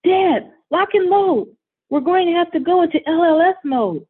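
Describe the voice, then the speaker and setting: A woman voicing an excited young boy who plays a hero and talks eagerly and urgently. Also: very high voice, normal speed, voice pushed up. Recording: tinny phone-like audio.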